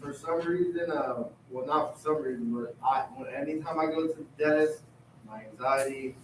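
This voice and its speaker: A man's voice: fairly high pitch, moderate pace. Profane man in an echoey room. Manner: casual, profane storytelling. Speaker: group member. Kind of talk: group counseling share. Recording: echoey room, mic far off, noisy.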